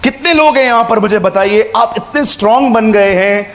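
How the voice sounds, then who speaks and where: A man with a high-pitched voice delivers a conversational sermon to a live congregation, repeating phrases for emphasis and slipping into short acted-out exchanges. A faint hiss sits under the recording. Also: moderate pace, a bit bright. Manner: conversational Hindi preaching with repetition and quoted dialogue. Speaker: preacher.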